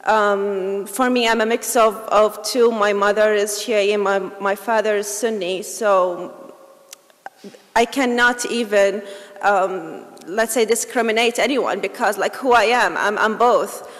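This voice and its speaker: A woman from Iraq with an Iraqi accent, giving a personal talk as a guest speaker, halting and full of "um" fillers and restarts. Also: mid-range voice, a bit bright. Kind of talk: personal testimony speech. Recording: long reverb of a large hall.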